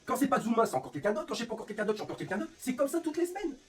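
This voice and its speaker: Sick with a fever that affects his voice, a northern French man who streams and runs a league rants in fury, cursing constantly at a rapid, animated clip. His very high-pitched voice is off-mic, caught by a distant microphone with faint room ambience.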